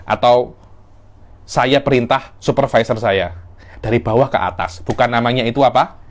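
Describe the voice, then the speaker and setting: A man's voice: mid-range voice, normal speed. A man teaching Islamic legal theory in a class, explaining the text and acting out short examples. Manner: explains in a mix of Malay and Arabic terms, with acted examples.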